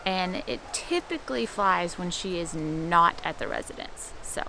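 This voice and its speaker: Holding the camera at arm's length in her car and at castles, a woman in her thirties chats through plans and practical tips in a casual travel vlog. Her voice is lowish and animated, measured in pace, with vocal fry, and there's background noise.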